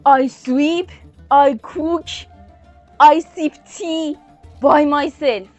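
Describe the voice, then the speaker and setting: Woman voicing high-pitched, wistful Auntie Roach. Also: steady tone, a little mellow, dull audio, soft background music. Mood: lonely, wistful. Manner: slow, wistful, sighing delivery. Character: proud, clean, lonely lady cockroach longing for company. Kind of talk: storybook folktale character acting.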